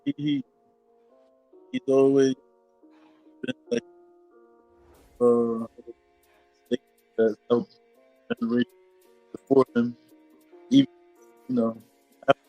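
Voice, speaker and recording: A man talks slowly and haltingly, his voice played through a speaker that keeps cutting out every few words. He trails off mid-sentence. The sound is dry, with faint music behind it. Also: mid-range voice, wildly swooping pitch, vocal fry, mellow, no room sound, rough recording. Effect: heard through a speaker that keeps cutting out. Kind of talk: casual chat.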